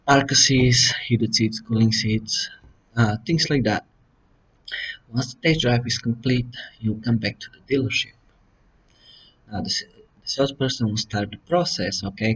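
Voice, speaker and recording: A man from Bulgaria, a dealership finance manager giving relaxed, step-by-step advice in a casual home vlog from his kitchen. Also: medium pitch. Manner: relaxed, plain-spoken, step-by-step instructions. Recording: slightly dull lo-fi recording.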